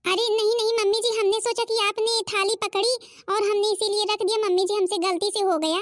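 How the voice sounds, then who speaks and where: A woman voicing a gentle elder daughter-in-law who pleads her innocence in a Hindi cartoon. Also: flat delivery, brisk, lightly acted. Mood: pleading. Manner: pleading, high and anxious.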